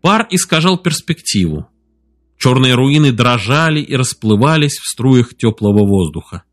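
Brief: male audiobook narrator, mid-pitched, even and measured, soft music faintly underneath. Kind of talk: scripted narration.

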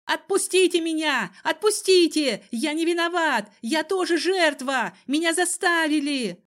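Lady doing a whiny cousin guy, super high screechy voice, all sobbing and pleading. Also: measured pace. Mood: panicked. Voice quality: shrill, sobbing pleas. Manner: begging and screaming. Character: cowardly whining young man, cousin.

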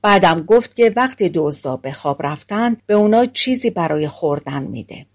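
A woman narrating a fairy-tale audiobook in a steady storytelling manner. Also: fairly low pitch.

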